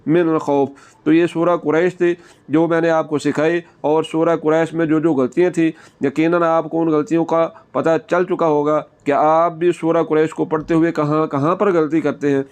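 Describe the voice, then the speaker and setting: A man teaching Quran recitation, explaining each rule patiently and repeating slow, drawn-out model readings. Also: a little high, clear, resonant tone.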